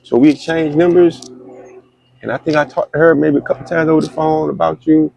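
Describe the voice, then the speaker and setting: A man from Miami in a relaxed chat, telling how he met his partner and acting out what people said. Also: a little fast, creaky, a little hiss or hum, poor audio. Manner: animated storyteller who acts out the quoted voices in a higher pitch. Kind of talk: casual storytelling chat.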